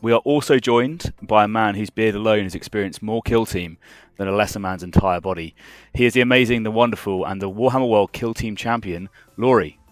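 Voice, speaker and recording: Fast-talking, jokey male podcast host. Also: lowish voice, dry recording, soft background music. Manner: upbeat and jokey, quick with playful introductions. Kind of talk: casual podcast chat.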